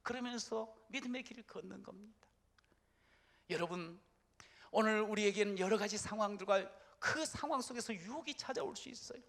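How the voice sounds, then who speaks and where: A man pastor preaching a sermon, moving from soft, slow prayerful lines to loud, shouted declarations. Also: high voice, big-room sound.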